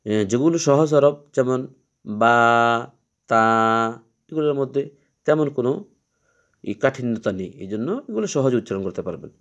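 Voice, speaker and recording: A man teaching Quran reading, explaining each letter patiently and repeating its sound slowly three times. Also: mid-range voice, warm tone, dull audio. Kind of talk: step-by-step letter lesson.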